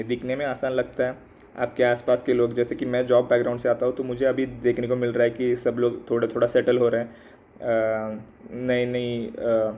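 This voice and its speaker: In a mid-range voice, a mid-twenties vlogger preparing for exams reflects casually, hesitating often and using many fillers. He switches between Hindi and English, and the audio is muffled and slightly lo-fi, with faint noise behind him.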